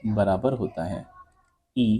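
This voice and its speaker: A man's voice: fairly low pitch, takes it slowly, dark tone, breathy edge. A man teaching physics, working through exam questions step by step and calling his students "beta" and "bhai". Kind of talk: exam solution walkthrough lesson.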